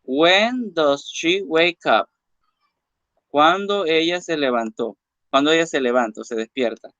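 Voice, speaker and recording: A man teaching an English lesson, saying English phrases slowly, then translating and explaining them, and checking in with "ok?". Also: on the high side, fairly bright tone, no room sound. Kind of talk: recorded classroom lesson. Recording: dull lo-fi dry recording.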